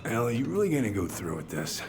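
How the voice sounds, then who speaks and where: An actor playing a gruff, middle-aged American boat captain, grieving and defensive, in a dramatic video game. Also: male voice, medium pitch, sing-song, fast talker, noisy background. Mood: pleading.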